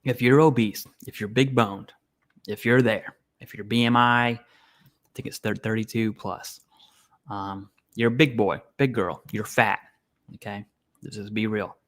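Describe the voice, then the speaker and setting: A man hosting a casual live Q&A stream, reading viewer questions aloud and answering bluntly and informally. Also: medium pitch. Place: home setup, eating while streaming.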